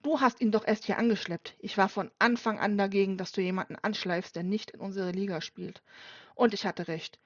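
A woman's voice: mid-range voice, steady tone, a little fast, lightly acted. A woman reading an audiobook voices a furious, contemptuous wealthy father who hisses his words harshly. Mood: scornful. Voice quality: hissing, harsh. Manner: loud angry outbursts. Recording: dull dry lo-fi recording.

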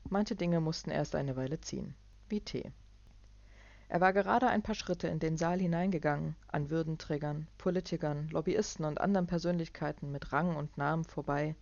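A woman, the author, reading from her novel in an even, measured storytelling manner. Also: low-pitched, vocal fry, no echo. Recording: dull lo-fi dry recording.

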